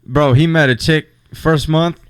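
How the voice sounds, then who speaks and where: A man's voice: fairly high pitch, steady tone, measured pace, clean tone, dry recording. A man in his twenties co-hosting a podcast, crude and joking, often cutting in. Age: 20s. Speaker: podcast co-host. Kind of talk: casual podcast banter.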